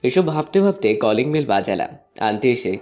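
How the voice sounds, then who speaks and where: A man's voice: mid-range voice, big pitch swings, normal speed, a little mellow, faint music behind, close to an everyday voice. A young man narrating a first-person love story and voicing a playful, teasing student in an audio drama. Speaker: narrator and lead voice actor.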